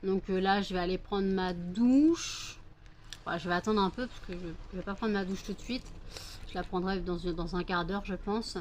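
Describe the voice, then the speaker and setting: A woman's voice: medium pitch, normal speed, slight background noise. A woman with a French accent vlogging from home, chatting casually about her day, rambling with many fillers and sometimes raising her voice to scold her dogs. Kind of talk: casual daily vlog chat.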